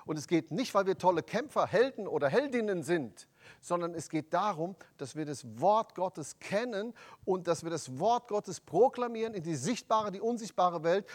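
A man preaching a sermon, emphatic and rising to loud proclamations of scripture. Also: high-pitched.

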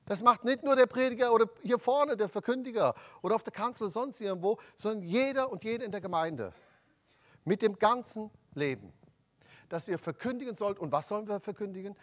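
A man preaching a sermon, emphatic and rising to loud proclamations of scripture. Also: high voice, animated, fairly quick.

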